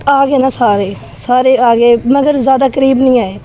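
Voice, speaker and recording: A woman with a high, soft, mellow voice tells her own story in an interview. Her voice trembles, and she speaks in an earnest, emotional way. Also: slight background noise. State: trembling voice, shaken. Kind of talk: recounting a personal experience in an interview.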